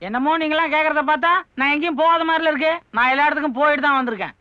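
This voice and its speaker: A cheeky, deadpan young man. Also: very high-pitched, rapid-fire, dry recording. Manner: flat, matter-of-fact comebacks. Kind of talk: Tamil film comedy acting. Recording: dull film soundtrack, faint music.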